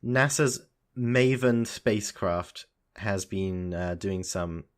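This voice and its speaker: A man's voice: lowish voice, slow pace. A young man co-hosting a casual podcast, thinking aloud with many restarts as he explains science news. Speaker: podcast co-host. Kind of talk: casual chat.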